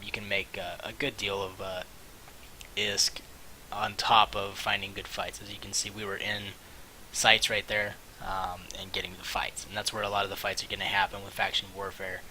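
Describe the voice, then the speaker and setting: A man giving casual, rambling and halting commentary on a game stream, with mouse clicking behind him. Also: fairly low pitch, pushed and bright, poor audio. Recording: hissy mic, faint background noise.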